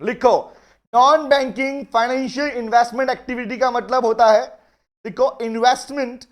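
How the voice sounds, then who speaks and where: A male law lecturer runs a live online class in a teasing, playful manner, fondly calling his students "beta". He slows right down to dictate definitions word by word for them to write. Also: very high voice, steady tone. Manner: dictates notes slowly, word by word.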